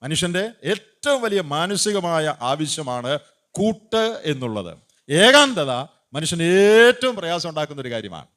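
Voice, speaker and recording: Man, evangelist, sermon, fairly high voice, loud bursts and quiet asides, asks questions and answers them. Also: big pitch swings, unhurried. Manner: swings from loud emphatic lines to low quiet asides. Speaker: evangelist preacher.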